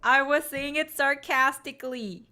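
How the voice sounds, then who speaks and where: A woman's voice: sits high, fairly even intonation, a little slow, sharp tone. A young woman streamer chatting casually with viewers, playful and sarcastic, teasing, with many "like" fillers. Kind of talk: casual chat. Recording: faint background music.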